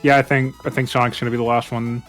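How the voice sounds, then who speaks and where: A man's voice: mid-range voice, level tone, a bit bright, soft background music. A man chatting casually on a game stream, joking and laughing often. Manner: jokey, laughs a lot, quick asides. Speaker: stream guest.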